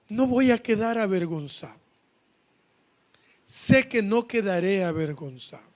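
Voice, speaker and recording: A male preacher giving a live sermon, asking the congregation questions and swinging from soft asides to loud, stressed scripture reading. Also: sits high.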